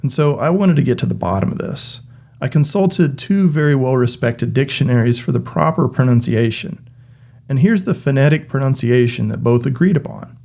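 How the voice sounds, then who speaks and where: A man recording an online tech course lesson, explaining clearly and evenly with a touch of dry humor. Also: mid-range voice, moderate pace, a little mellow. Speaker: course instructor.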